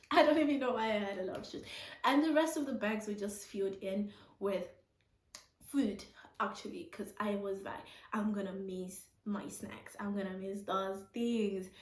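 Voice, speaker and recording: A young woman from Zimbabwe tells a personal story in a casual, animated way, laughing often and acting out the dialogue. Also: mid-range voice, far from the mic. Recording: echoey room.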